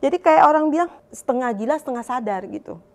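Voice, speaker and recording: A woman with a high voice telling her own faith testimony. She speaks with deep feeling, and her voice rises and strains when she retells her prayers. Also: animated, fast. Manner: emotional, voice rising high when recalling prayers.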